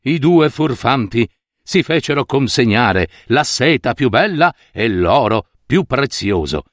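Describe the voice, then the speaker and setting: Lively male storyteller. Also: medium pitch, measured pace, dry recording, clean studio sound. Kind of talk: reading a fairy tale aloud.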